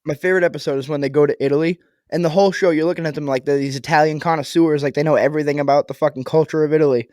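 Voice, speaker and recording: A young man co-hosting a podcast in casual banter, loud and joking, swearing often and laughing a lot. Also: a little high, steady tone, rapid-fire, no echo, clean studio sound. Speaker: podcast co-host.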